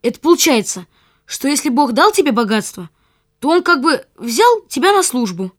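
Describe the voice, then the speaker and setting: A woman's voice: sits high, big pitch swings, normal speed, voice pushed up. A woman voicing a curious young boy who asks eager questions.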